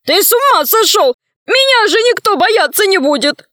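A cowardly, lying ogre, as a woman reader puts him on squeals his excuses in a high, frantic voice. Slow storybook reading, heard dry and close. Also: expressive, fairly bright tone, no room sound. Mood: panicky. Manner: squealing, panicky, defensive.

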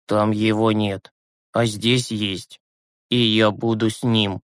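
Male reader doing a worn-out teen boy, low and slow, storybook. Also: level tone, smooth, no room sound, clean studio sound. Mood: despairing. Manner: low, slow, exhausted, withdrawn. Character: weary, grieving teenage boy, stubborn.

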